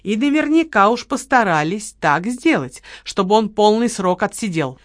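A woman voicing a quick-tempered, sarcastic young woman in an audiobook, scolding and bossing her partner. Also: mid-range voice, very animated, no room sound, clean studio sound, close to an everyday voice. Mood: reasoning.

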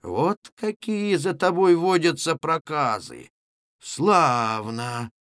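Brief: a man doing an angry young village lad, raised and high, mocking. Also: slow, no echo, clean studio sound. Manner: mocking, loud and heated.

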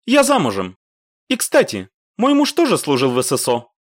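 A woman's voice: low-pitched, wildly swooping pitch, normal speed, no room sound, voice pushed up, exaggerated voice. A man voicing a wry young married woman soldier in an audiobook. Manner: wry, dry.

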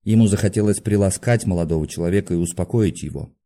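A man reading a classic novel aloud in slow, measured audiobook narration. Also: deep voice, warm tone. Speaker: audiobook reader.

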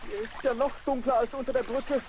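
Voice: medium pitch, fairly even intonation, fast talker, natural voice. An actor doing a stoic little tin soldier. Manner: stoic, self-talking, resigned. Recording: loud hiss from an old vinyl record.

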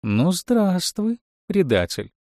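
A man's voice: high voice, very animated, takes it slowly, mellow, no room sound, clean studio sound, pitched above the performer's own voice, full character voice. A man voicing a haughty, vain tsarina who gives commands in an imperious, grand manner.

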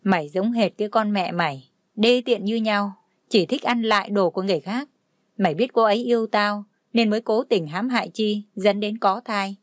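A woman's voice: mid-range voice, normal speed, dry recording, studio quality, natural voice. A woman voicing a drunk, heartbroken young man who slurs and lashes out in anger. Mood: furious. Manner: slurred, bitter shouting.

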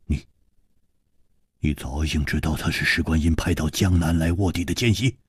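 A man's voice: extremely low pitch, moderate pace, slight background noise, pitched below the performer's own voice. A man voicing a blunt, hot-tempered swordsman who roars his words. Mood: furious. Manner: loud roaring.

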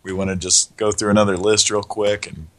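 A man hosting a live call-in show, talking in a laid-back, rambling way with lots of fillers and quiet chuckles. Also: fairly low pitch, level tone, brisk. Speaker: radio show host. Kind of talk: casual live prank-call show chat.

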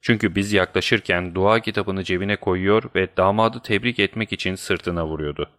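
A man narrating an audiobook in a steady, measured storytelling voice. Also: low-pitched.

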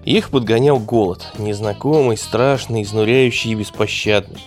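A man narrating an audiobook in an expressive storytelling manner. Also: lowish voice, normal speed, faint music behind.

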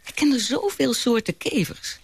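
A gravelly, wistful narrator. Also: male voice, very high voice, expressive, unhurried, a little hiss or hum, heavily acted. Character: grown child looking back on a childhood home. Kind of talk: reflective radio drama narration.

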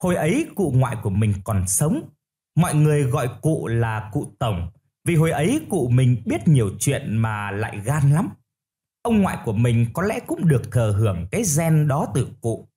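A man telling a family ghost story in the first person, in a steady, storytelling manner. His voice is warm and mellow. The pitch moves lively with the tale. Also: moderate pace. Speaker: audio story narrator.

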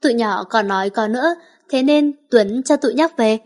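A woman's voice: on the high side, moderate pace, a little mellow, lightly acted. A woman reading the lines of an easygoing young male teacher explaining in a storybook.

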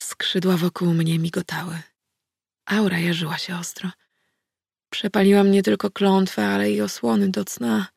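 Woman audiobook reader, first-person novel, gravelly husky voice, acts out the dialogue. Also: medium pitch, level tone, moderate pace, a little mellow, dry recording, studio quality. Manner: acted, voices dialogue dramatically. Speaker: audiobook narrator.

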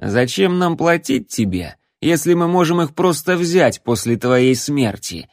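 Man playing an assassin, cold, flat, restrained. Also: medium pitch, normal speed, dry recording, clean studio sound.

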